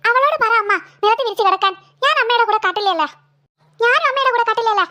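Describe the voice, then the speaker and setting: A bickering little cartoon girl whines to her mother about her sister, as a woman puts her on. Her voice is squeaky and very high, bright and quick. She keeps pleading for her way. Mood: whiny. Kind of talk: cartoon voice acting.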